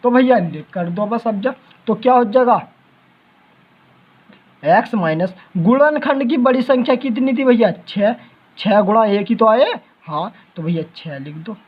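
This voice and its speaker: A man's voice: sits high, animated, measured pace, breathy edge, lo-fi sound. A math teacher, giving a lecture in which he keeps asking his students questions and answering them himself. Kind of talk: classroom-style lecture.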